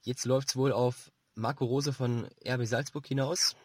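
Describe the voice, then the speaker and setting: A man with a mid-pitched voice gives measured football analysis in a very dry recording. He explains his points as a pundit would, feeling his way through phrases and repeating words. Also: steady tone, breathy edge, dry recording.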